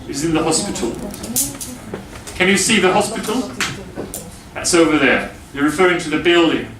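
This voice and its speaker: A man teaching English grammar to a class, explaining slowly with many pauses and fillers. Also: on the high side, lively intonation. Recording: echoey classroom from far off.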